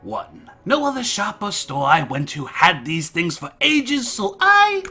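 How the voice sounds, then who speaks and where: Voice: mid-range voice, huge pitch swings, unhurried, pushed and bright, husky, faint music behind, heavily acted. A reviewer voicing the Joker as a theatrical, cackling male clown villain while reviewing a toy. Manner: theatrical, sing-song, giggling between lines.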